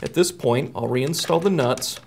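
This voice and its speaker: Speaking a little slowly in a creaky, mid-range voice, a man in his thirties demonstrates a repair at an indoor workbench. The technician explains each step plainly and methodically, over a faint hiss or hum.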